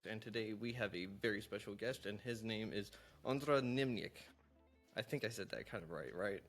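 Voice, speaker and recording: A man's voice: fairly low pitch, moderate pace, a bit bright, faint music behind. Candid, friendly male podcast host. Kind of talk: casual interview chat.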